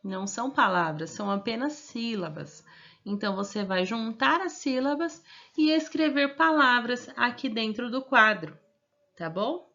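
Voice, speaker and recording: A Brazilian woman teaching young children in a recorded lesson, her voice sitting a little high. She walks through each task slowly and patiently, checking often that the class is following. The recording sounds dull and lo-fi. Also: expressive, bright, forceful tone. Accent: Brazilian Portuguese. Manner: patient, explains step by step with frequent "tá bom?" check-ins. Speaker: primary school teacher. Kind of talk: recorded remote class instructions.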